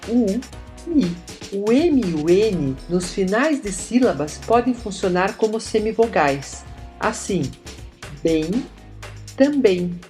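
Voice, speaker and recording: A woman narrating a scripted grammar lesson, slowly spelling out example words. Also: medium pitch. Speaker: teacher. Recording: soft music behind the voice.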